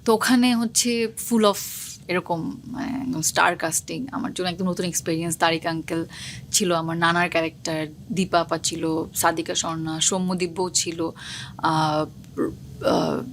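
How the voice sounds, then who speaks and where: A young woman, an actress, talking quickly and casually in an interview, dropping English words into her speech. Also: lowish voice, fairly even intonation, a little hiss or hum. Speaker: actress guest.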